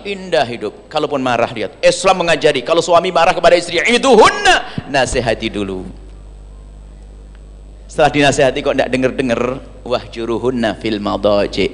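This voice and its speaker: A man preaching a sermon, humorous and animated, slipping into little acted asides. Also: mid-range voice. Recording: long hall reverb.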